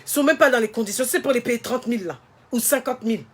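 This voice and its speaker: High-pitched woman, indignant vlogger rant, emphatic and repetitive. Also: quick pace, breathy edge. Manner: emphatic, indignant, repeats her points. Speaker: social media commentator. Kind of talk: impassioned vlog rant to viewers.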